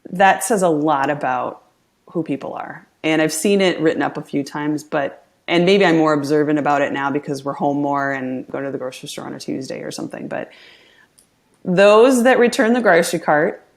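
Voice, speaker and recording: A middle-aged woman chatting as a podcast guest, upbeat and quick to laugh as she tells stories. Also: sits low, vocal fry. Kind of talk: casual interview chat.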